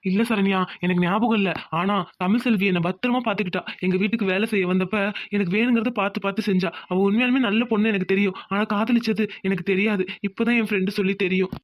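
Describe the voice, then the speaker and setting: A performer voicing a confused, gentle young village husband who has lost his memory, in a cartoon. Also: mid-range voice, fairly even intonation, fast talker, natural voice. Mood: bewildered. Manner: gentle, bewildered. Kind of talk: cartoon voice acting. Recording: dull lo-fi audio.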